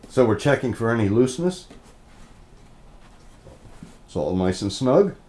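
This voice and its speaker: Speaking at a measured pace in a medium-pitched, dark, sing-song voice, a man reviewing guitars casually inspects one. He explains each check in order in a folksy, plainspoken style, as a hands-on walkthrough of the product.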